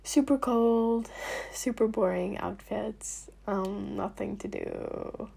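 A young woman in her late teens talks casually to her viewers in a husky, slightly hoarse voice. She drifts between ordinary speech and soft, nearly whispered asides, with plenty of fillers along the way. She sounds like she is getting over an illness. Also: medium pitch, slow. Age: young adult. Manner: chatty, frequent fillers, drops to near-whispers. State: recovering from illness, clearing throat. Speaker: vlogger. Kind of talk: casual talk to camera.

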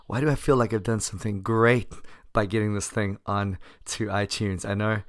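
Guy doing a casual podcast, deep-ish gravelly hoarse voice, self-deprecating, really dry close sound. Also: fairly even intonation, moderate pace, no room sound. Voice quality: gravelly, husky from laryngitis. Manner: self-deprecating, wry asides. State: hoarse from laryngitis. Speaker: podcast host. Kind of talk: casual solo podcast talk.

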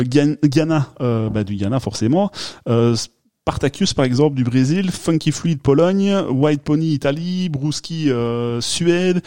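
A man's voice: medium pitch, mellow, no echo, studio quality. A man hosting a casual podcast, talking in a hesitant way with many fillers and restarts. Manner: laughs at his own accent. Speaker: podcast host.

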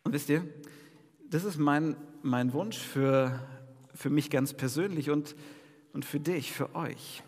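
A male pastor giving a New Year sermon in a lively, conversational preaching style, asking the congregation questions. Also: fairly high pitch, slow pace, slightly rough, big-room sound.

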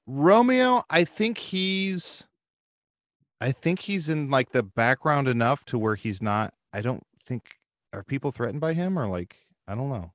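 A man's voice: medium pitch, sing-song, a little slow, no echo, clean studio sound. A man in casual podcast chat who rambles and hedges, thinking aloud as he talks.

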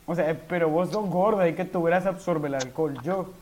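A man's voice: a little high, fairly quick, crowd noise. A young man, joking and egging his friends on while they tell a party story. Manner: joking, interjecting, egging others on. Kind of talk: casual chat, storytelling among friends.

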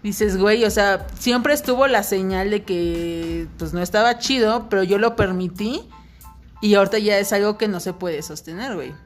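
A woman's voice: mid-range voice, moderate pace, faint music behind. A Mexican woman co-hosting a podcast in casual chat, telling stories frankly and swearing freely. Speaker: podcast co-host.

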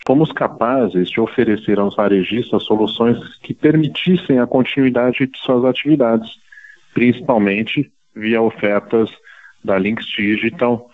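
A man with a Brazilian accent giving a prepared business presentation as a company chief executive. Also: lowish voice. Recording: dull narrow teleconference sound.

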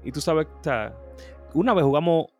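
A man's voice: on the high side, expressive, moderate pace, lo-fi sound, soft background music. A young man, co-hosting a casual podcast, joking and swearing freely. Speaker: podcast co-host, teacher.

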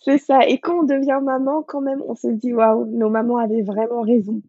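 Husky-voiced woman from Senegal. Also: fairly high pitch, fairly even intonation, moderate pace, no room sound, muffled recording. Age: 30s. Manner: warm, hesitant, many fillers, laughs often. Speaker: podcast guest. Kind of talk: casual interview chat.

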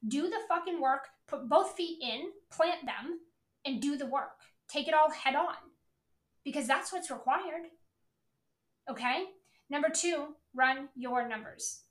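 Blunt, high-voiced woman coach in echoey room. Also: a bit bright. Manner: blunt, emphatic, repetitive, swearing. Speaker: business and sales coach. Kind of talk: motivational coaching talk to an online audience.

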